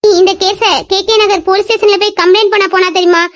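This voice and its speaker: A woman's voice: extremely high pitch, level tone, fast talker, no echo. A woman voicing a worried, tearful young woman doctor who pleads anxiously. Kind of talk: audio drama acting.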